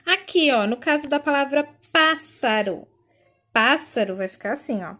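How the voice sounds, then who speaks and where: A young Brazilian woman teaching a recorded class to children, speaking slowly and patiently and sounding words out syllable by syllable. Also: high-pitched, expressive, fairly bright tone. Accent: Brazilian Portuguese. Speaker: primary school teacher.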